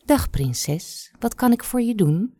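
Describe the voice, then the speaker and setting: A woman playing a calm, wise old herb woman. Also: a little high, no room sound, voice pushed up. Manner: calm, commanding, unhurried.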